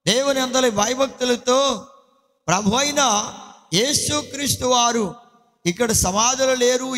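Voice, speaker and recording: A man's voice: high voice, a bit bright. A male pastor delivering a sermon, emphatic and repeatedly addressing his listeners directly. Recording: long hall reverb.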